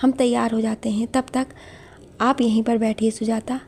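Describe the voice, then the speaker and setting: A woman's voice: a little high, level tone, moderate pace, gravelly, a little mellow, husky. A woman voicing a hurt, withdrawn young bride who speaks in a subdued, restrained way.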